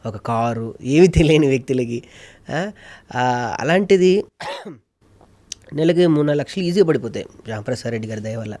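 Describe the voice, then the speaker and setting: A man's voice: mid-range voice, lively intonation, moderate pace, long pauses, darkish tone. A man being interviewed, talking earnestly and emphatically, often repeating phrases for effect. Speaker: guest, mimicry artist and ventriloquist. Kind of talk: casual interview talk.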